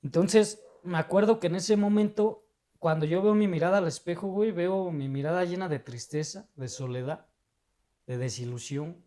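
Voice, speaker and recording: Mexican man, young adult, casual emotional storytelling, high voice, slangy. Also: moderate pace, dark tone. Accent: Mexican Spanish. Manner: emotional, slangy, fills every phrase with a tag word. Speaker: guest.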